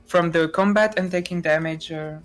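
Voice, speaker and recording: A woman's voice: lowish voice, steady tone, normal speed. Woman esports caster, casual chatty commentary, frequent fillers. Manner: chatty, many fillers and restarts. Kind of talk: tournament commentary.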